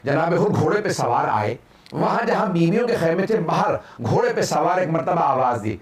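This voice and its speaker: A man's voice: fairly high pitch, expressive. A man preacher telling a Muharram mourning sermon as dramatic storytelling. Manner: dramatic storytelling with acted quotes. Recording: echoey hall, distant mic.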